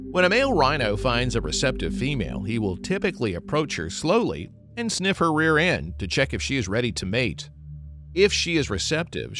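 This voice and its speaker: A man narrating a scripted nature documentary. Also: mid-range voice. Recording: music behind the voice. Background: background music.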